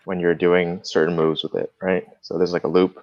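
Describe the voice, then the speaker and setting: A man's voice: low-pitched, level tone, normal speed, dry recording. A man chatting as a guest on a live stream, explaining things in an easygoing way with plenty of fillers. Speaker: guest cardist. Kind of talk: casual live-stream chat. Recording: dull lo-fi dry sound.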